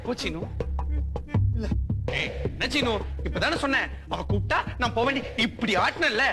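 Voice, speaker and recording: A man's voice: very high-pitched, lively intonation, moderate pace. An actor playing a mocking, unhinged young male killer in a film scene, taunting in a sing-song way. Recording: film dialogue with loud music underneath.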